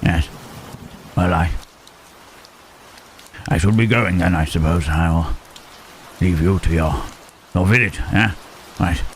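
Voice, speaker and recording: A man voicing Frankenstein's monster as a lonely, gentle creature who stammers and speaks formally in an ASMR roleplay. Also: low voice, slow, pauses often, a little hiss or hum, low-quality recording. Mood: tender, shy. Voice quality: hesitant, stammering, formal speech. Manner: soft questioning tags, huh, eh, hmm. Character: lonely, gentle male monster, shy and halting. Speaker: voice actor.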